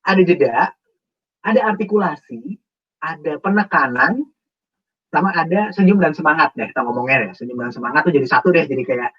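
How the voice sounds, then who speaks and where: A man's voice: on the high side, brisk, husky, recorded from a distance, muffled recording. A man speaking as a guest on a webinar, explaining job interview tips and acting out example phrasings. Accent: Indonesian. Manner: animated, acts out example phrasings.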